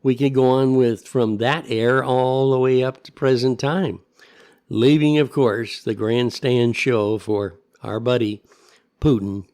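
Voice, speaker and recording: A man's voice: mid-range voice, a little mellow. Older American male, opinionated old-timer delivering a rambling, sardonic back-in-my-day political rant. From United States. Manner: opinionated back-in-my-day ranting, rhetorical questions, sardonic asides. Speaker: commentator. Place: kitchen at home.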